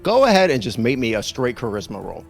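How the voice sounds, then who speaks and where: A man's voice: mid-range voice, big pitch swings, quick pace, gravelly, soft background music. Enthusiastic man running a tabletop game. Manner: enthusiastic, rambling with many fillers. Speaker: game master.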